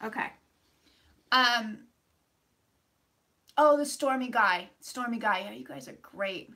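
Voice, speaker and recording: A woman with a high, bright voice hosts a casual livestream. She sounds a little congested as she rambles and thinks aloud. Her manner is playful and sweary, with effusive greetings to her viewers. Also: slow, creaky. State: slightly congested after flu. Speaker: livestream host doing psychic readings.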